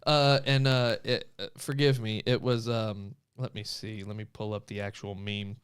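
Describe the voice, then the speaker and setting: A man's voice: fairly low pitch, little pitch movement, a little slow, clean tone. A man co-hosting a casual talk show, telling a family story and laughing often as he acts out the quotes. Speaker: podcast co-host.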